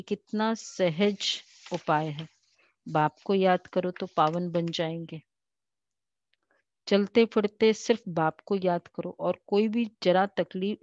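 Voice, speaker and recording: Slow-speaking Indian woman explaining scripture. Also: lowish voice, no echo, highs cut off. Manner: slow, explanatory, quotes the Father in a raised voice. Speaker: spiritual teacher. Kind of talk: devotional class reading and explaining scripture.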